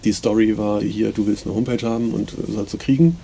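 Man on a low-quality recording, gravelly. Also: fairly even intonation, a little fast, mellow, a little hiss or hum. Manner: rambling, hesitant, many fillers. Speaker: podcast host. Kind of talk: casual reflective monologue.

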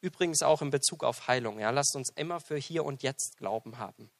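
A man preaching a sermon, who tells a personal story and acts out the dialogue in it, with big swings between loud and quiet. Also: mid-range voice, fairly quick, gravelly.

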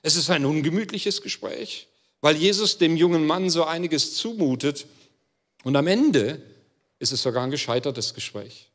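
A man's voice: fairly high pitch, animated, normal speed. A man preaching a sermon as pastor, speaking earnestly and emphatically straight to his listeners. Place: church hall. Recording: long church-hall reverb.

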